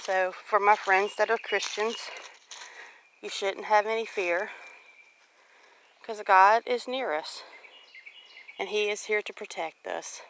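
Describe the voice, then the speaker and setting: A woman in her late forties, a homestead vlogger, walks around her rural property chatting casually and reflectively with viewers in a devout, encouraging way. Her mid-range, fairly bright voice stays steady and slow, with long pauses. Background noise is clearly audible in the outdoor recording.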